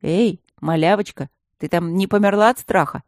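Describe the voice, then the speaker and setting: A woman voicing a big, rowdy young male student in an audiobook, with a booming, mock-threatening manner. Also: moderate pace, darkish tone, no echo, studio quality, natural voice. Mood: teasing.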